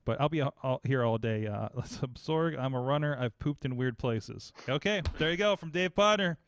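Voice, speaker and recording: A man's voice: mid-range voice, moderate pace, no room sound. A man in his forties hosting a podcast, rambling animatedly in casual chat on a studio mic in a foam-paneled room. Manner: animated, rambling, self-mocking. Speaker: podcast host. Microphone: studio mic on boom arm, headphones.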